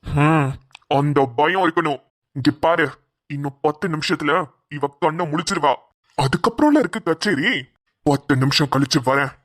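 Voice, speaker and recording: A woman's voice: low voice, moderate pace, dry recording, studio quality. A woman voicing a cruel bald male kidnapper in a cartoon, menacing and taunting. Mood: threatening. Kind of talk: cartoon voice acting.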